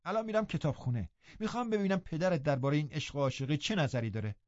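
A man's voice: medium pitch, big pitch swings, dark tone, no echo, lo-fi sound. A man voicing a stern middle-aged housekeeper who scolds firmly and scornfully, in an audiobook reading. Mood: scolding.

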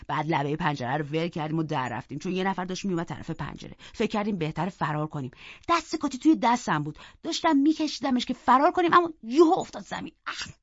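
A woman reading a novel aloud in scripted first-person narration, expressive and acting out the characters. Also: on the low side, no echo. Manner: expressive, acts out the characters' voices. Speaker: audiobook reader. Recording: dull, dry close recording.

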